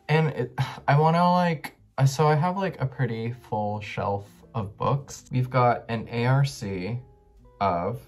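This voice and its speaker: A man's voice: on the low side, darkish tone. A tipsy young man chatting casually to the camera in a loose, rambling, effusive way. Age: young adult. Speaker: book reviewer vlogger. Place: small bedroom indoors.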